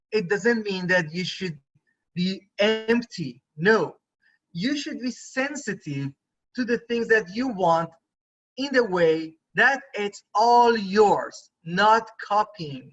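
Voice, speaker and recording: A man's voice: high voice, sharp tone. A man teaching a university photography class online, lecturing in a conversational way and often checking in with his students. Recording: dull lo-fi recording.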